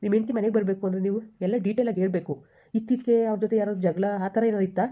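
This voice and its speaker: A woman's voice: mid-range voice, fairly even intonation, racing, phone-quality sound, close to an everyday voice. A woman playing a firm male police officer questioning villagers in a village drama.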